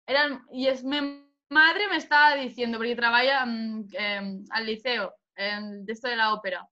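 High bright-voiced woman, chatty and animated. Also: moderate pace, soft background music. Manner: animated storytelling, swearing freely. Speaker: fighter. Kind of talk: casual chat. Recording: dull lo-fi sound.

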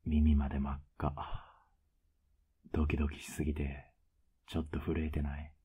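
Whispered role-play, male voice actor as a doting older boyfriend: husky, very low, flat and coaxing. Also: moderate pace, dull audio, exaggerated voice. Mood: teasing tender. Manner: teasing, soft-spoken, coaxing.

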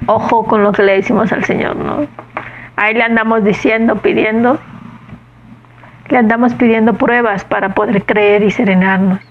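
A woman's voice: on the high side, fairly even intonation, normal speed, dull audio, a little hiss or hum. A woman giving a conversational Gospel reflection, often asking her listeners questions. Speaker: preacher.

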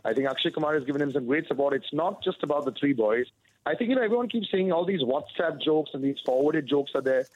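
A man with a slightly higher voice talks fast and eagerly as a film gossip correspondent. His tone is husky and dry. The sound is dull and lo-fi, as if he is phoning in. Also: expressive, a little mellow, no echo. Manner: chatty, opinionated, enthusiastic. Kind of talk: casual chat over radio.

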